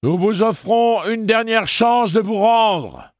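A man voicing a police officer who makes loud, formal announcements over a loudspeaker. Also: sits high, slow, no room sound, studio quality, pitched above the performer's own voice. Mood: blaring.

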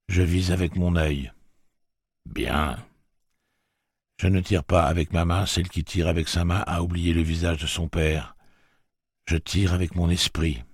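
A man voicing a tough woman gunslinger in a wheelchair, speaking intensely and deliberately in an audiobook. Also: low voice, slightly rough, dry recording, studio quality, heavily acted.

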